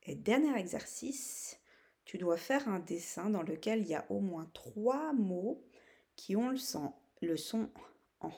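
Slow, gravelly-voiced woman teacher. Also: mid-range voice, expressive, a little mellow. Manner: drawn-out syllable-by-syllable word modeling. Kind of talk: slow phonics lesson for young pupils.

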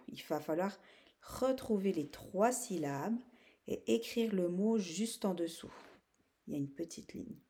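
A woman teacher giving a phonics lesson to young pupils, saying each example word slowly and stretching out the syllables. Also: lowish voice, mellow. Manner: drawn-out syllable-by-syllable word modeling.

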